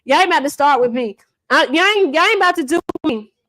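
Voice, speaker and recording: A woman's voice: sits high, expressive, fast talker, a bit bright, no room sound, rough recording. A woman hosting a livestream, giving sassy, mocking gossip commentary to her chat and calling viewers honey and baby. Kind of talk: casual commentary to a live chat.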